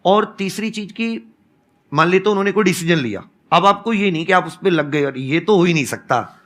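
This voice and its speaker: A man in his thirties with a slightly raised pitch speaks earnestly on a panel. He lists points one by one and drifts into personal stories. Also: normal speed, fairly bright tone. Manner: storytelling, earnest, counts off points. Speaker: teacher and co-founder. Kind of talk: conversational panel talk.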